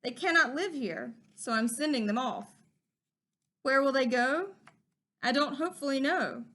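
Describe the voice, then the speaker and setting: A woman's voice: high-pitched, a little slow, sharp tone. The Lorax, a woman doing a scolding little tree guardian. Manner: indignant, preachy scolding. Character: small scolding creature who guards the trees.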